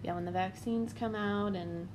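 Speaking at a normal speed with a medium-pitched, steady voice, a twenty-something woman keeps up an upbeat, casual chat full of laughter. Background hiss is noticeable, along with the sound of a dog gnawing a bone.

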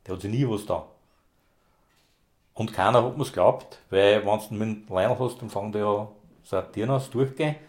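A man spins long, rambling anecdotes from his years handling rescue dogs. He talks casually in thick dialect and often lets his sentences trail off quietly. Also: on the low side, normal speed, pauses often. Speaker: former rescue dog handler, interviewee. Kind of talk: casual storytelling interview.

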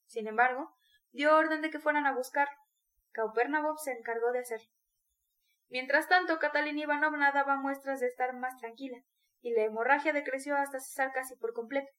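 A woman narrating a classic novel aloud in a measured, even storytelling voice. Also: sits high. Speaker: audiobook narrator. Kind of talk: scripted literary narration.

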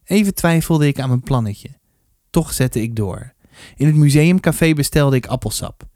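A man reading a children's book aloud, telling it in a lively first-person voice. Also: medium pitch, normal speed, no room sound, clean studio sound. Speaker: storybook reader.

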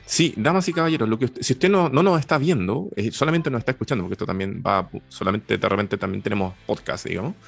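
A man's voice: on the low side, fast talker, creaky, hardly any pauses, soft background music. A man hosting an interview, curious and enthusiastic as he asks questions. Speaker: host. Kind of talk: casual interview chat.

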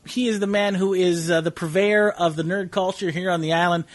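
High-voiced male podcast host, halting. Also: steady tone. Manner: rambling, halting introductions full of fillers. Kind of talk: casual podcast chat. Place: comic book store.

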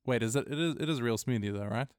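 A man co-hosting a podcast, talking in a halting way with many restarts and chuckles. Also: medium pitch, no echo, studio quality. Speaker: podcast co-host. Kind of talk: casual podcast interview.

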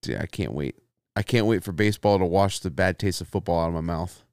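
Man, podcast co-host, laid-back teasing banter, smooth voice, dry close mic. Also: low voice, brisk, a little mellow, dry recording. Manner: laid-back, teasing, says dude a lot. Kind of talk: casual banter.

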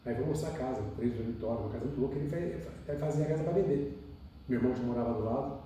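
A Brazilian man recounts his story at a rapid clip, mellow in tone, repeating phrases and acting out dialogue as he goes. He is recorded from a distance in a very echoey room. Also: mid-range voice, slight background noise. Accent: Brazilian Portuguese. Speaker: podcast guest telling his life story. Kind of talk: emotional personal storytelling in conversation.

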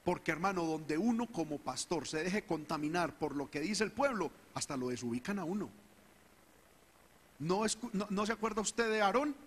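A man's voice: sits high, animated, moderate pace, husky, long reverb tail. A man preaching a sermon as a pastor, his delivery climbing in fervor as he acts out the people's complaints. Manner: preaching with rising fervor, acting out the people's whining.

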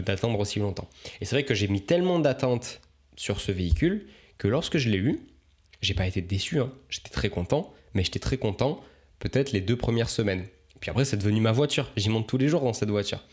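A man's voice: fairly low pitch, darkish tone. A young man, a coach, musing aloud in a casual podcast monologue, rambling and reflective with many fillers and restarts.

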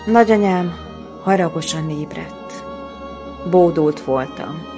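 Woman author, lowish voice, slow grave literary reading, soft music underneath. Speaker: author reading her own prose.

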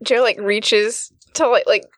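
A woman's voice: on the high side, fairly even intonation, unhurried. A woman playing in a tabletop game, describing what her character does. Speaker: player. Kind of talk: tabletop role-play.

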